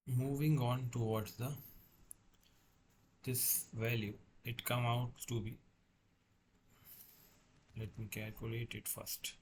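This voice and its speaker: A man lecturing as a tutor, working through a problem step by step in a halting way, repeating and correcting himself. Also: fairly low pitch, noisy background. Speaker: engineering tutor.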